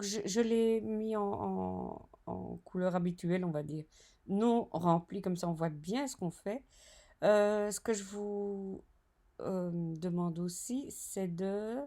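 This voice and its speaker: A woman tutoring design software over a screen recording, chatty and narrating each step with self-correcting asides. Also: medium pitch, fairly even intonation, slow pace.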